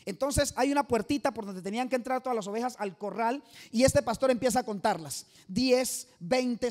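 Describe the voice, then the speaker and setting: A man's voice: very high voice, darkish tone. A man preaching an evangelistic sermon to a congregation, emphatic and quizzing the listeners for answers. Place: church service before a live audience.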